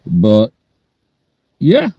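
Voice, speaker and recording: A man's voice: on the low side, huge pitch swings, drawn-out words, gravelly, breathy edge, no room sound, muffled recording. A man, chatting bluntly and rambling on a livestream. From New York. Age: 60s. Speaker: livestream host. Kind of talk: casual livestream chat.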